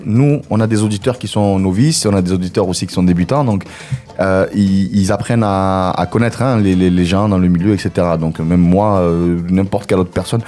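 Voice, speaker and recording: A man hosting a radio show in casual chat, lively and full of hesitant fillers. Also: low voice. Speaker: radio host.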